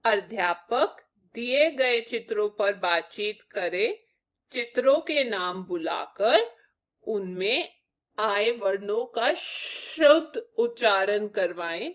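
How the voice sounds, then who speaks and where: A woman's voice: medium pitch, lively intonation, takes it slowly. A young woman teaching young children to write letters, explaining each step patiently and asking them questions. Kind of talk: children's Hindi lesson.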